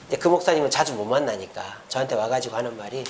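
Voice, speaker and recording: A man's voice: mid-range voice, expressive, fast talker, a little hiss or hum. A man preaching a sermon as pastor, telling a story with acted quotes in a church. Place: church sanctuary.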